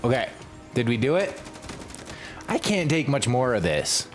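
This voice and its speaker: A man's voice: medium pitch, sing-song, measured pace. A man streaming a shooter game, talking through it in exasperated, grumbling asides. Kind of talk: gameplay commentary. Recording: loud game music and gunfire behind.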